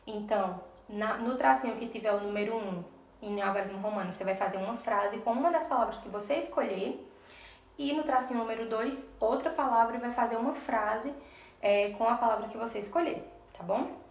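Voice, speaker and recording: A woman's voice: fairly high pitch, brisk, gravelly, reverberant, distant mic. A woman teaching a lesson to young children in a recorded remote class, patient and step by step, often checking in with the class. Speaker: primary school teacher.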